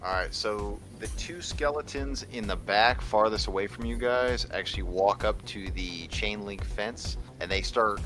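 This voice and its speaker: A man narrating as game master of a tabletop game, rambling in a relaxed way with fillers. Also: fairly low pitch, measured pace, hardly any pauses, faint music behind.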